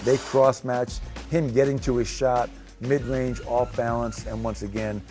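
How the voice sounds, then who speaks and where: A man's voice: medium pitch, level tone, unhurried, a little mellow, faint music behind. A man interviewing a coach, walking through game clips and asking questions in a conversational tone. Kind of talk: film breakdown interview.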